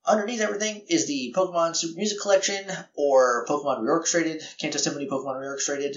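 A man hosts a podcast, his slightly high, slightly scratchy voice sounding roomy with the highs cut off. He makes casual, rambling announcements, often correcting himself and chuckling at his own remarks.

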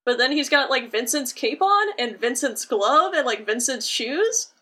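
Bright, animated woman podcast co-host. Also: high-pitched, normal speed. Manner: animated storyteller, acts out characters. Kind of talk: casual chat.

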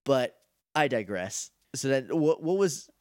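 A man's voice: medium pitch, very animated, measured pace, no room sound, studio quality. An American man co-hosting a casual podcast chat, rambling through jokey, profane stories. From United States. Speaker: podcast co-host.

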